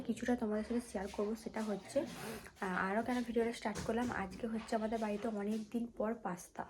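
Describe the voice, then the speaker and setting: Young woman talking low n soft into her phone at home, kinda away from the mic, flat and quick. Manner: speaks softly so as not to wake her sleeping baby. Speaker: vlogger. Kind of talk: hushed vlog talk.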